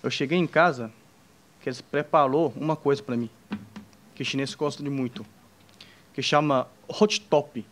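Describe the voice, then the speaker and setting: This young man from China, an entrepreneur on a panel, has an obvious Chinese accent and a voice pitched squarely in the male middle, with a steady, fairly bright tone. He stumbles through a casual story about himself, restarting often, using lots of fillers and tossing jokes to the audience. A little background noise can be heard.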